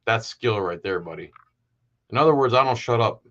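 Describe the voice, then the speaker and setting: A man's voice: fairly low pitch, animated, moderate pace, a bit bright, highs cut off. A man hosting a live stream, giving heated, sarcastic commentary in a casual way.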